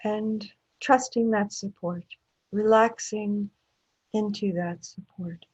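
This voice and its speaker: Leaving long gaps between short phrases, a woman guides a meditation in a slow, husky, medium-pitched voice with a steady tone. She is a meditation teacher, gentle and unhurried, and the recording is muffled.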